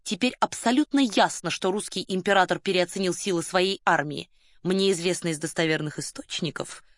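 A woman voicing a pompous, boastful male colonel who flirts in a low, smug murmur, in an audiobook. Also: fairly quick, no room sound, studio quality, close to an everyday voice. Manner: smug, lowers voice to a suggestive murmur.

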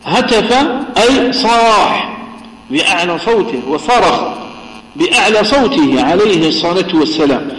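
A man teaching a religious text. He explains slowly, repeats himself and often stops on halting filler pauses. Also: high voice, expressive, fairly bright tone, a little hiss or hum. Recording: echoey hall reverb.

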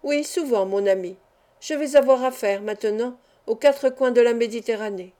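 A woman reading an audiobook, voicing a kind, serious middle-aged male doctor who speaks calmly and in a measured way. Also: fairly high pitch, lightly acted. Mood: confident.

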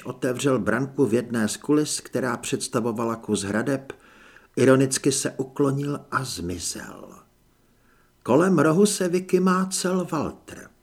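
A man narrating an audiobook in an expressive storytelling manner, with a husky voice. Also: medium pitch. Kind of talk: scripted narration.

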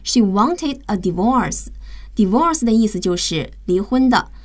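Speaking a little slowly in an animated, medium-pitched voice, a female English teacher hosts a lesson on the radio. She explains vocabulary one step at a time and spells the words letter by letter.

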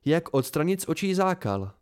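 A man's voice: a little high, very animated, a little mellow, clean tone, pitched above the performer's own voice. Man doing an insistent young woman student. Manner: insistent, explaining. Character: earnest young female student.

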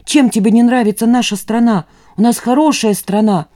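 A woman as a soft, pleading tired mother. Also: a little high, normal speed, voice pushed up, natural voice. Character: gentle, pleading, worn-out mother.

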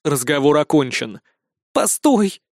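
Guy voicing a whiny desperate cat-girl, high pleading voice, dry close sound. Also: very animated, slow pace, no echo, exaggerated voice. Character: young woman turned into a cat, desperate, hissing. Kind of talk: audiobook character voice.

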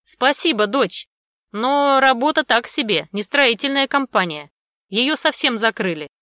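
A woman's voice: high-pitched, animated, takes it slowly, bright, forceful tone, no echo, clean studio sound, pitched above the performer's own voice, heavily acted. A woman reading aloud and voicing a modest middle-aged father who brushes things off.

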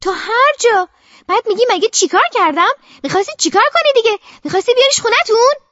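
A nosy, scolding aunt by marriage, voiced by a woman narrating an audiobook, snaps at her niece in a very high, shrill and accusing tone. Each line lands as a sharp reproach full of mockery. The recording is close and dry, with a slightly dull, muffled sound. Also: expressive, no room sound. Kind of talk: audiobook character voice.

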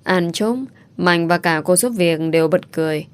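Low-voiced woman narrating a story. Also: normal speed, clear, resonant tone. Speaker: audiobook narrator. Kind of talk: scripted narration.

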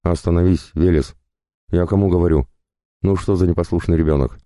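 A man voicing a spiteful, mocking goddess who scolds her son in a very deep voice. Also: steady tone, brisk, mellow, no room sound, clean studio sound, lightly acted. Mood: furious.

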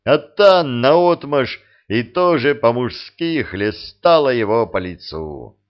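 A man giving measured, dramatic audiobook narration. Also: medium pitch, big pitch swings, muffled recording.

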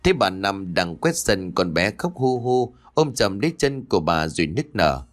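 A man narrating a ghost story in a lively storytelling manner, switching voices for the quarrelling characters. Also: sits low, normal speed. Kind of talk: storytelling narration with acted dialogue.

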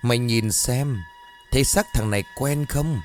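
For a horror audiobook, a man voices a young man possessed by a vicious century-old female demon, speaking with mocking, snarling cruelty and a menacing mood. His voice is fairly ordinary, medium-pitched with a darkish tone at normal speed, and faint music plays behind him.

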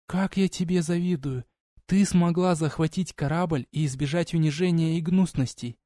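A man's voice: fairly high pitch, moderate pace, warm tone, no room sound, studio quality, pitched above the performer's own voice, close to an everyday voice. A man voicing a bold, jealous young elf girl in an audiobook. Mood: wistful. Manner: indignant, challenging.

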